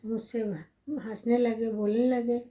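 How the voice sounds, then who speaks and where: Mellow, even-toned middle-aged woman storyteller. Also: a little high, slow pace, rough recording. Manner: gentle, repetitive listing, reminiscing. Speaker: vlogger recalling her family life. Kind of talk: casual personal storytelling.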